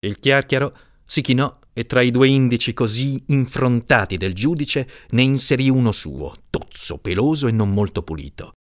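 A man reading a literary short story aloud in an expressive, dramatic way. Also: medium pitch, normal speed, hardly any pauses, dry recording, clean studio sound. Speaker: narrator.

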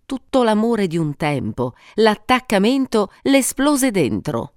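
Smooth-voiced woman audiobook narrator. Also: mid-range voice, dry recording, studio quality. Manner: expressive storytelling with dramatic pauses. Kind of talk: scripted narration.

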